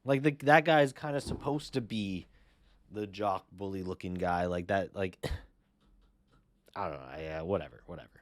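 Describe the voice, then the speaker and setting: Casual low-voiced man rambling through a reaction. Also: measured pace, no room sound. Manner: rambling, filler-heavy, swears freely; rises to high incredulous pitch when riled. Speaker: host reacting to a video.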